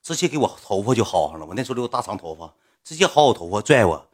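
A man telling a story casually, in animated slang that swings into loud retorts. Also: lowish voice, fast talker.

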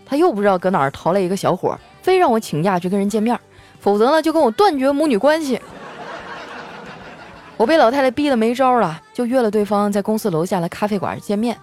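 A young woman, hosting a comic storytelling podcast in a chatty, playful way. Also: medium pitch. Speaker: host. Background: soft background music.

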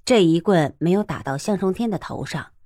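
A woman narrating a storybook novel in a lively, expressive way. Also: on the low side, fairly quick, dry recording, clean studio sound. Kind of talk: audiobook storytelling.

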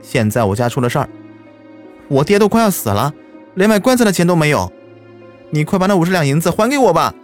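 A man voicing a blunt ten-year-old village boy in a storybook tale, with a high, pleading, insistent voice. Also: big pitch swings, fast talker, long pauses, soft background music.

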